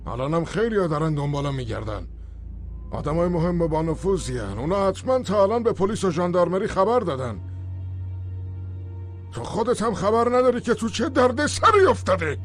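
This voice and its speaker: An arrogant, high-pitched captive. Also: male voice, sing-song, soft background music. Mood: indignant. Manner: shouting, boastful demands. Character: arrogant locked-up man, angry and threatening. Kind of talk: dubbed film acting.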